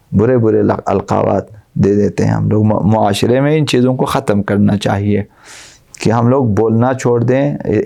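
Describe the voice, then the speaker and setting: A man's voice: mid-range voice, gravelly, dark tone. A male Islamic cleric giving a religious lecture, quoting Arabic verses and explaining each one through repeated everyday examples.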